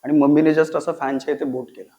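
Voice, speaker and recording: A man's voice: fairly high pitch, quick pace. A young man telling family stories as a stand-up comedian, acting out relatives in raised voices. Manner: animated, acts out family members in raised voices. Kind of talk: stand-up storytelling.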